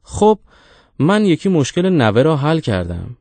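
A man voicing a crude, mocking ancient witch woman, with a shrill screech that climbs higher, in a storybook reading. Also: expressive, darkish tone, dry recording, lightly acted.

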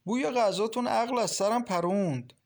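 A man voicing a brash, leering landlord past fifty in a storybook reading, loud and pushy. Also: high-pitched, creaky, pitched above the performer's own voice.

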